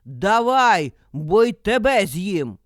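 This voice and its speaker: A woman voicing a hungry, threatening male wolf who shouts his singsong demands in a storybook. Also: fairly high pitch, very animated, a little slow, no echo, studio quality, voice pushed up.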